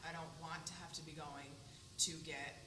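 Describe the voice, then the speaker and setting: A middle-aged woman giving a casual testimonial interview, talking with lots of fillers and a relaxed, chatty manner. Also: low voice, moderate pace. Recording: echoey room with long reverb and clear background noise.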